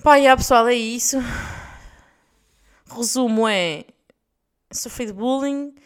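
A woman's voice: on the high side, takes it slowly, smooth. A young adult woman with a European Portuguese accent, hosting a podcast and telling a story in casual chat, laughing often and swearing freely in slangy speech. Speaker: podcast host.

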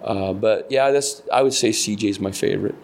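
A man's voice: fairly low pitch, moderate pace, gravelly, darkish tone, a little hiss or hum. A middle-aged man from Nebraska, a kayak fishing guide, telling stories in a rambling, earnest way full of fillers and restarts. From Nebraska, United States. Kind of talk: casual storytelling interview.

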